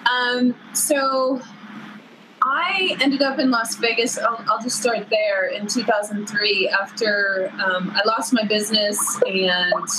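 A woman in her fifties talks as a guest, telling stories in a conversational style. Her pitch is average for a woman. Clear ambient noise runs behind her voice. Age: 50s. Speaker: guest, cycling team staff. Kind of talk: conversational personal storytelling.

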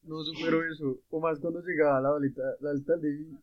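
High-voiced young man telling crude stories. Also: quick pace, highs cut off, a crowd in the background. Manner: animated crude storyteller, swears a lot. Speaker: podcast host. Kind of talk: casual podcast chat.

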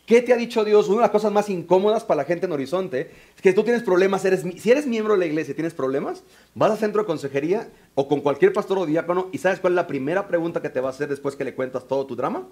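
A high-voiced man with a Mexican Spanish accent preaching to a church congregation. He is lively and joking, slipping into other people's voices to make his point. His delivery is animated and quick to turn. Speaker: pastor and biblical counselor. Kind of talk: sermon.

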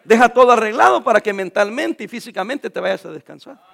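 A man's voice: sits high, brisk, vocal fry, a bit bright. A middle-aged man preaching a sermon as a pastor, jovial and joking with the congregation.

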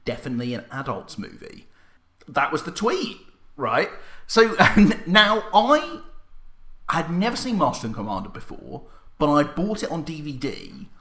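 A man hosts a casual film podcast, reviewing movies with dry, self-mocking humor. His voice is fairly high, very animated, unhurried and a bit bright, and the room sounds echoey.

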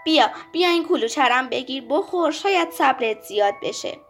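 A patient mother, voiced by a woman storyteller, calmly soothes and redirects her child. She sounds gentle but firm, with a fairly high voice. Faint music runs under the storybook. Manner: calm, reassuring, gently firm.

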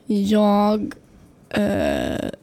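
A woman's voice: medium pitch, huge pitch swings, gravelly. A young woman in her twenties, a podcast co-host recovering from a cold, chatting casually with many hesitations. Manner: hesitant, many fillers, trails off softly. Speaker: podcast co-host, psychology student. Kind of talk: casual chat.

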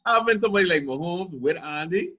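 Through slightly muffled, lo-fi audio, a man with a bright, forceful voice chats about sports. His pitch swings in a very animated way as he backs up the other panelists with emphatic agreement. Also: a little fast. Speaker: sports talk show panelist. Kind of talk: casual sports debate. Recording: dull lo-fi sound, faint noise.

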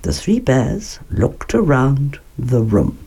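Slow, lively storyteller woman. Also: very deep voice. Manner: slow, expressive, clearly paced. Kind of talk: children's story reading with French translations.

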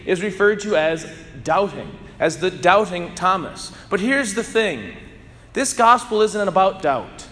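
Priest, male, fairly high bright voice, measured and emphatic delivery, long cathedral echo. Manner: slow, measured reading that turns earnest and emphatic in preaching. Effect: cathedral echo, long church reverb. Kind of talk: gospel reading and homily. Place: large church. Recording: echoey church with long reverb.

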